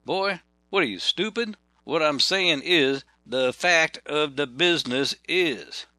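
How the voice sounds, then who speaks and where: A man voicing a gruff, good-humored Southern carpenter with a loud country drawl. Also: a little high, animated, slow pace, no echo, pitched above the performer's own voice, full character voice. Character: gruff Southern male carpenter, good old boy, quick to smile.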